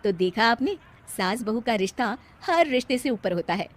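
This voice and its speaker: Animated high-voiced Indian woman storyteller. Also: normal speed. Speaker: narrator. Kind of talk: expressive scripted storytelling for a cartoon.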